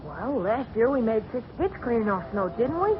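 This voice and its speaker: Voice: mid-range voice, sing-song, moderate pace, lightly acted. A performer playing a timid, chatty young street boy in an old radio drama, slangy and plaintive. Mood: naive, chatty. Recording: muffled, hissy old radio recording.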